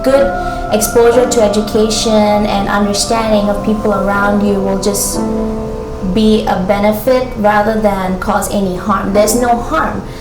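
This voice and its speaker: A young woman from Ghana, an international graduate student, speaks reflectively and earnestly in a documentary interview, pausing often and saying "um" frequently. Her mid-range voice sounds roomy, with background music behind it.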